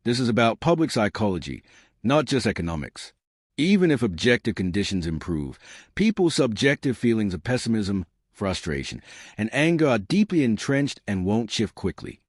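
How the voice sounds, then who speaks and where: A low-voiced man delivers scripted political commentary at normal speed, very animated and swinging his pitch widely for drama. His tone is emphatic and scornful. The recording is close and dry, with no room sound or echo.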